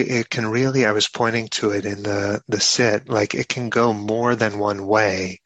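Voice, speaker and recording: A man giving a reflective Dharma talk as a meditation teacher, speaking haltingly with many pauses and fillers. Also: on the low side, sharp tone, no echo, poor audio.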